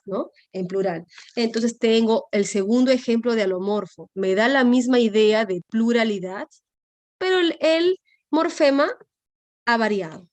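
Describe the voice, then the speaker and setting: A woman's voice: a little high, no room sound. Lady teacher explaining grammar, keeps asking if they get it, dry close mic. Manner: explains patiently, checks often with "¿sí?" and "¿no?". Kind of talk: online class lecture.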